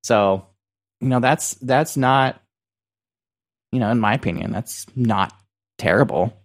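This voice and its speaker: A man co-hosting a casual business podcast, talking in a halting, circling way full of filler phrases. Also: medium pitch. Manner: halting, circling phrasing with repeated "you know" and "like". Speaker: podcast co-host.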